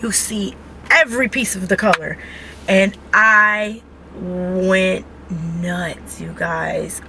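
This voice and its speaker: A woman vlogging from a car, telling a story in an animated, chatty way with lots of fillers. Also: medium pitch, slow pace, creaky, a little hiss or hum. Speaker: vlogger, mother. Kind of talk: casual storytelling.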